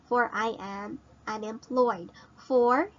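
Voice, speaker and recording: Woman teacher, slow and patient, asks students questions, slightly high voice, lo-fi recording. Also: fairly even intonation. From Philippines. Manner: explains slowly and repeats, asks students questions. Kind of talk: recorded grammar lesson.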